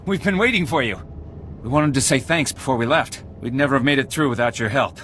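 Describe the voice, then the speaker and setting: An actor playing a friendly, grateful soldier in a video game. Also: male voice, mid-range voice, fairly quick, very noisy, close to an everyday voice.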